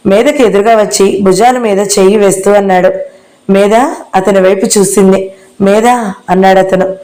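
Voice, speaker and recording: A woman narrating a novel in a calm, unhurried way, her tone soft and mellow. She raises her voice a little when the characters speak. Her pitch sits in the middle range. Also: low-quality recording. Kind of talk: reading a novel aloud.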